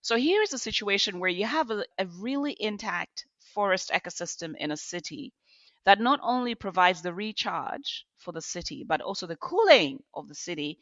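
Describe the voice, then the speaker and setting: A woman's voice: mid-range voice, sing-song, moderate pace, fairly bright tone, no echo, lo-fi sound. A middle-aged woman, a podcast guest telling reflective stories with restarts. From Zambia. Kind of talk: podcast interview.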